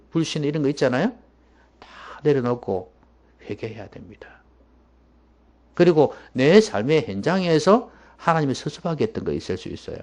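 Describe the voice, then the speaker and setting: A man preaching a sermon as pastor in a church, emphatic and at times dropping to a hushed voice. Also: fairly high pitch.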